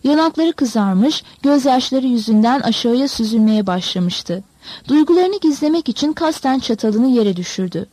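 A woman narrating a novel in a measured, expressive storytelling manner. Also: on the high side, no room sound. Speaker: audiobook narrator.

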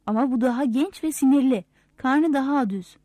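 A brisk man who sizes up horses with short, knowing remarks , as a woman reads him aloud. He calls out sharp advice in clipped bursts. The voice is mellow and fairly high. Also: no room sound, studio quality. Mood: appraising.

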